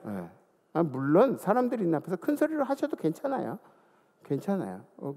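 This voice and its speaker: A man's voice: medium pitch, dark tone. A pastor in his fifties preaching a sermon in a church, telling stories and firing rhetorical questions at the congregation. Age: 50s. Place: church sanctuary. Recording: long reverb of a church hall.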